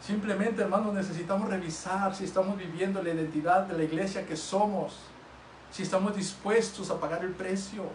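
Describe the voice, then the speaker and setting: Male pastor, earnest sermon delivery, high voice, captured distantly in a roomy church hall. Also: steady tone, brisk, a little hiss or hum. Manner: earnest, swings between loud exhortation and hushed storytelling.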